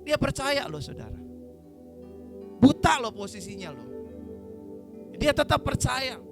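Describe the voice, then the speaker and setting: With faint music behind him, an Indonesian-accented pastor preaches a little slowly in a very high voice. His sermon is full of energy and humor, with call-and-response from the congregation and acted-out Bible story voices.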